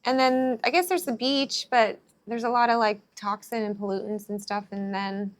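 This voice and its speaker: A woman from California co-hosting a casual chat, frank and opinionated, with quick blunt asides. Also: on the high side, steady tone. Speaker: co-host.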